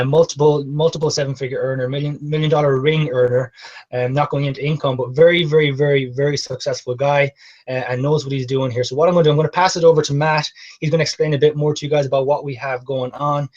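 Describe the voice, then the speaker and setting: Fast-talking young man, west of Ireland accent. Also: medium pitch. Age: 20s. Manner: eager, repeats words for emphasis. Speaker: call host. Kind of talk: enthusiastic presenter introduction. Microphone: online or phone call. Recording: dull lo-fi call audio.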